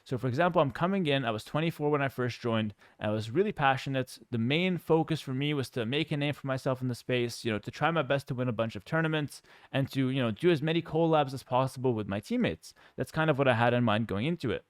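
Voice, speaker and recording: A Canadian professional gamer and content creator speaks candidly to his viewers in a reflective monologue, talking very quickly in a clean, smooth, medium-pitched voice. He's measured and explanatory, with frequent "you know" asides. The sound is dry and close, with no room sound.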